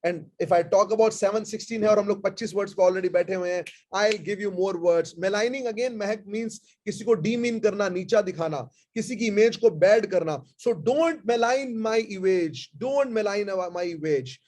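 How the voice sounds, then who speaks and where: Slow, high-voiced Indian teacher. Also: male voice, darkish tone. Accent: Indian English. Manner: switches between Hindi and English, repeats key words slowly. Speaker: online vocabulary teacher. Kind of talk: live online class.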